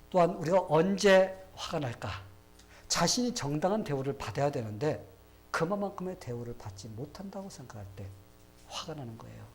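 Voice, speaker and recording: A man's voice: on the high side, a little hiss or hum. A man from Korea preaching a sermon as pastor, asking rhetorical questions and acting out quoted people. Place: church sanctuary.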